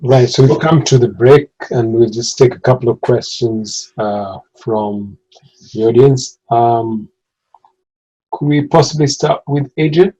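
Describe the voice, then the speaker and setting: A man moderating an online talk, calm and brief, on a video call. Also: medium pitch, measured pace, husky, lo-fi sound. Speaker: session moderator.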